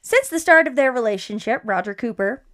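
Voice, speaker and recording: Young woman on a podcast, reading stuff out, kinda high voice, laughs a lot. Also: expressive, a little fast, a bit bright. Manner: laughs often, swears, stumbles while reading. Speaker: podcast co-host. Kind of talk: casual podcast chat, reading an article aloud.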